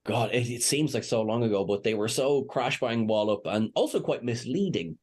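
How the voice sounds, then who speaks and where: A man's voice: medium pitch, animated, moderate pace, a little mellow. A man hosting a casual fan chat show, rambling and jokey with stammering restarts. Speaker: podcast host.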